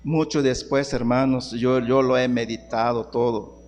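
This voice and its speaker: A man's voice: mid-range voice, steady tone, a little slow, darkish tone, long reverb tail, faint music behind. A man preaching a sermon, calling on the congregation as brothers and repeating phrases for emphasis.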